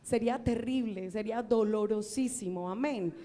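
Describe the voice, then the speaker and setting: A woman's voice: on the high side, moderate pace, warm tone. An older woman with a Colombian accent preaching a sermon to a congregation, earnest, repeating phrases for emphasis and asking the congregation questions. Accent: Colombian Spanish. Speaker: church sister preaching. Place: church hall. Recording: long reverb of a church hall.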